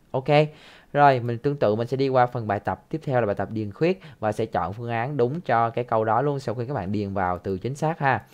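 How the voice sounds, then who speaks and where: A man teaching an English listening lesson, patiently repeating phrases and adding soft tag words. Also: medium pitch.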